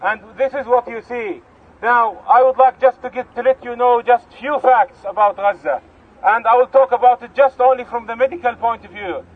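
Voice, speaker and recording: A man's voice: very high voice, moderate pace. A man from Palestine speaking earnestly at an outdoor rally, often restarting his phrases. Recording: tinny lo-fi outdoor recording.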